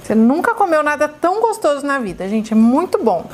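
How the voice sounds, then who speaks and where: A woman with a Brazilian Portuguese accent walks through a recipe in a bright, high voice. She talks like a cooking host, effusive and exclamatory, and keeps calling her viewers her loves. A faint hum sits behind her in the kitchen. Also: sing-song, brisk. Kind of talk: chatty cooking demonstration.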